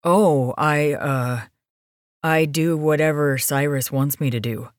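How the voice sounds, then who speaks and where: A woman's voice: sits low, takes it slowly, no room sound, clean studio sound. A woman voicing a shy, underfed young male werewolf who speaks meekly and hesitantly. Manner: meek and hesitant.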